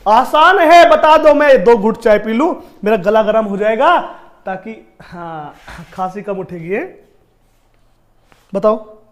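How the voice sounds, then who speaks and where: Man, young adult, high-pitched, sore throat; chatty live-class math teacher who talks right to students. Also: animated, slow, pauses often. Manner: chatty, addresses students directly, digresses into stories. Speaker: online exam-prep teacher.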